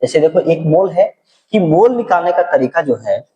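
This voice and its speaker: Middle-aged man, teacher, soft-spoken, slightly high voice, echoey room. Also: expressive, moderate pace, dull audio. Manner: casual, keeps checking in with "ठीक है"; speaking softly, holding his voice down. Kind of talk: chemistry lecture. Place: room at night.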